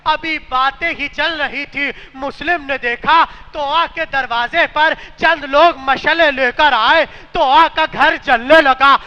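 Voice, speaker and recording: A man preaching a mourning sermon, telling a sad story softly and then rising into loud, wailing cries. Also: very high voice, few pauses, muffled recording. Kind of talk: majlis sermon, recited with rising lament. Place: large mosque hall. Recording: echoey hall with faint noise.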